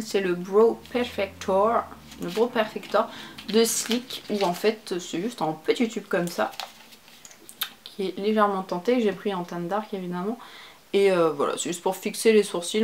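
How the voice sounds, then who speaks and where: A young woman chatting casually through a make-up favorites review, full of fillers and casual slang. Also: mid-range voice. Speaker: beauty vlogger.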